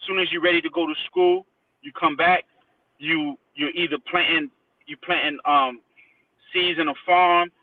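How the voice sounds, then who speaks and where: Born in Haiti and raised in Connecticut from age six, a man chats informally as an interview guest, recalling personal experiences with slang and repeated phrases for emphasis. His fairly high voice is even in intonation, unhurried, with long pauses. The audio is tinny, like a phone line, and he sounds distant from the mic.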